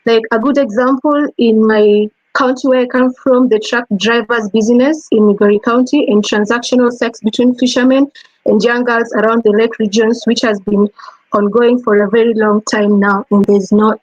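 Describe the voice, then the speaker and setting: A woman's voice: a little high, fairly even intonation, normal speed, no echo, lo-fi sound. A young woman with a Kenyan accent answering earnestly as a panelist on a webinar video call. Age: young adult. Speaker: youth panelist.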